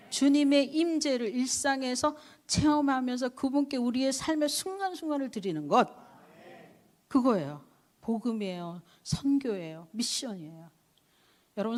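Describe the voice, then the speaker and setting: A middle-aged woman missionary giving a conversational church sermon and testimony, animated and chatty, often affirming with a quick "yes". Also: mid-range voice. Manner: animated, conversational preaching with frequent "네" and laughs.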